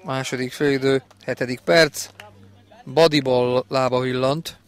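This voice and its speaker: A man giving excited live football commentary as a partisan match commentator. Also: medium pitch. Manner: excited, builds to shouted goal calls, partisan for the home team.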